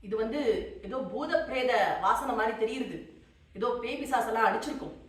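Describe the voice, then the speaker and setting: A woman's voice: fairly high pitch, brisk, pitched below the performer's own voice, natural voice. A woman voicing scheming male teachers at a demon king's court, sly and fawning, in a told religious story. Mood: sly, ingratiating. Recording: very echoey hall, far from mic.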